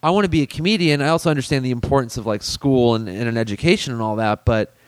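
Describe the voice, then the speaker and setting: Full of "like" and restarts, this man's casual chat rambles along fast as he works through his memories. His mid-range voice is smooth and resonant, and the sound is dry and close-miked, with no room around it.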